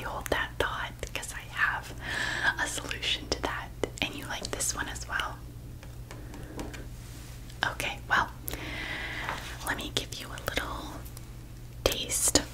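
A woman in a whispered role-play as a fairy designer. Her voice is a soft, breathy whisper, and she speaks slowly and gently. She attends to her customer with an unhurried, delicate manner. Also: poor audio. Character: gentle female fairy designer showing customer clothes and crowns.

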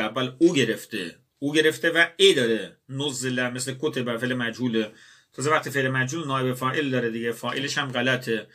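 Male teacher, bright tone, mid pitch, drills students through exercises step by step. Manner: addresses students directly, asks and answers his own questions. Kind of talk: exam-prep grammar lesson.

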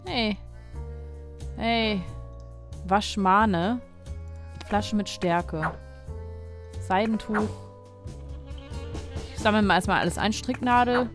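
A woman let's player giving casual commentary, thinking aloud as she plays. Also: medium pitch. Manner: thinks aloud, reads item names out.

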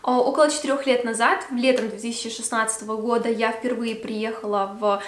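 In an echoey room at home near the Christmas tree, a Belarusian woman of 25 answers viewer questions in a relaxed beauty-vlog Q&A, filling her speech with fillers. Her voice is a little high and steady in tone, and she talks a little fast.

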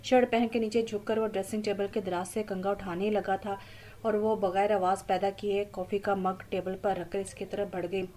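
A woman narrator hosting her audio novel channel, reading the story aloud in a steady, unhurried way. Her voice sits mellow and warm. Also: medium pitch, slight background noise.

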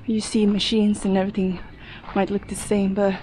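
The speaker is a young adult urban exploration vlogger whose medium-pitched voice is flat and dark-toned, at a normal speed. Exploring an abandoned steel factory inside and out, she thinks aloud in fragments to her handheld action camera, which records noisy sound.

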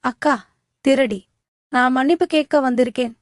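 A woman's voice: high-pitched, fairly even intonation, moderate pace, no room sound, studio quality, natural voice. A woman voicing a teenage boy, a scheming younger brother, with a pleading, coaxing manner.

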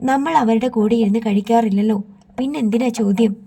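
Stern protective granny scolding her girl, read by a woman, mellow tone, slightly high, audiobook. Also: a little fast, husky. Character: strict protective grandmother, older woman.

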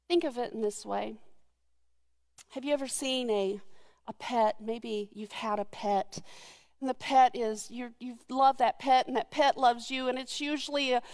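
A woman preaches from the pulpit, retelling the story with earnest warmth and the odd soft laugh. Her voice sits high, and she takes her time over each phrase. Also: steady tone, unhurried, pauses often. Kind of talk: sermon.

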